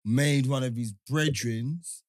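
A man's voice: mid-range voice, steady tone, slow, no echo, clean studio sound. A man with a London roadman accent telling stories in casual podcast banter, heavy on street slang and tag questions. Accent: London, urban roadman street slang. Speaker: podcast host. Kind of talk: casual chat, storytelling banter.

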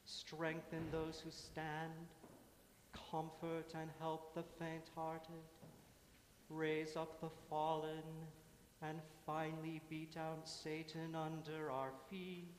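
A man leading a litany in a large church, intoning a slow, measured prayer. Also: on the high side, completely flat delivery, a little hiss or hum. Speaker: worship leader. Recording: echoey hall, mic from afar.

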